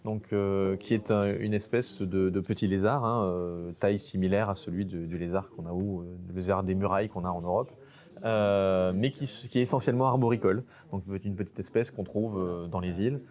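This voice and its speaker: A man's voice: low voice, steady tone, brisk, darkish tone. A man from French Guiana, a nature photographer, talking casually in an interview with many fillers and restarts.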